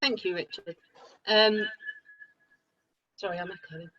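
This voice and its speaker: A woman hosting an online meeting, her voice echoing back over the video call as she talks in a brisk, apologetic way. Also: mid-range voice, fairly even intonation, a bit bright. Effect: echoing call audio. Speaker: webinar host. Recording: muffled, distant video-call audio.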